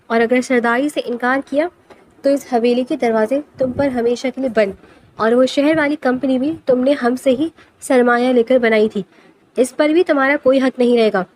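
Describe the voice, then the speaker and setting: A woman whose voice is high-pitched yet darkish, steady and natural voices a stern old clan patriarch in a storybook reading. She makes the angry, domineering grandfather sound commanding and final.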